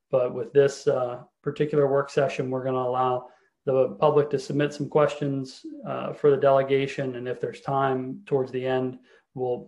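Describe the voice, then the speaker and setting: Mayor chairing a council video call: man, flat monotone delivery, halting with fillers. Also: mid-range voice.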